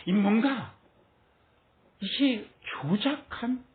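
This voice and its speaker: A woman's voice: on the high side, expressive, extremely slow. A woman teaching a Bible passage in a sermon style, asking her listeners many rhetorical questions and laughing lightly between phrases. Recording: tinny phone-like sound with roomy echo.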